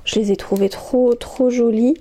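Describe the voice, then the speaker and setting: A woman's voice: fairly high pitch, steady tone, moderate pace, warm tone. A woman vlogging from home about her knitting, chatting casually with lots of hesitations and gushing remarks. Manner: hesitant, many fillers and restarts, gushing. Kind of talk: casual chat.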